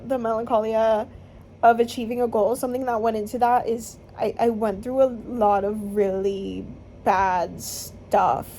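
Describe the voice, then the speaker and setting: Woman in her 20s musing slow in a vlog, kinda high voice, hesitant restarts, mic a bit far off, faint hiss. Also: mellow. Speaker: musician vlogger. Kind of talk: reflective personal vlog. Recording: slightly distant mic, faint background noise.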